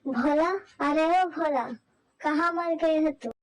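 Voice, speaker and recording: Woman voicing a shrill, bossy cruel aunt. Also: slow pace, poor audio. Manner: shouting orders. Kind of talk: cartoon voice acting.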